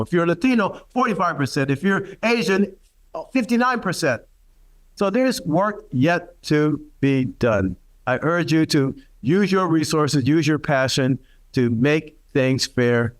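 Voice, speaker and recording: Older man giving an earnest, halting speech. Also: sits high. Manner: earnest, halting, many fillers. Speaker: panel speaker for a real estate group. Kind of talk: public speech at a symposium.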